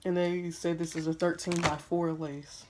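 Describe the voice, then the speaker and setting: A woman's voice: on the low side, flat delivery, normal speed, noisy background. A young woman chatting casually to her viewers while unboxing a wig at home, talking around a piece of gum. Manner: chatty, addresses viewers as "y'all", chewing gum. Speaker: beauty vlogger.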